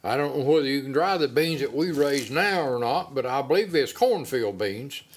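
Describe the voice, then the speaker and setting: This older interviewee, Appalachian-accented and given to rustic turns of phrase, talks casually about his early years for an oral history. His medium-pitched voice is slightly rough, with lively intonation and an ordinary speed.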